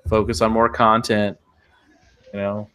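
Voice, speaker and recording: A man's voice: lowish voice, flat delivery, unhurried, a bit bright, smooth. A man co-hosting a casual gaming podcast, laid-back and opinionated, chuckling often. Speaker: podcast co-host.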